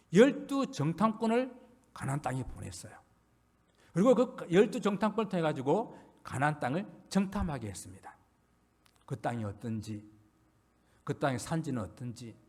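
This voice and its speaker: A man preaching a Sunday sermon as a pastor, earnest, building emphasis and then dropping low at the ends of phrases. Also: darkish tone, breathy edge. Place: church sanctuary.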